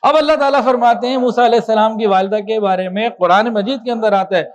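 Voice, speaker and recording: A man preaching a sermon with passion, moving between soft explanation and loud emphasis. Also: high-pitched, steady tone, muffled recording. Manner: impassioned, swings from soft to loud with chanted Quran recitation.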